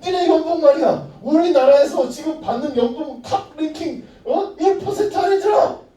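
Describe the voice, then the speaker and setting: A man voicing a furious, boastful ancient king who shouts and scolds, heard from far off in an echoey room. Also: very high-pitched, moderate pace, pitched above the performer's own voice.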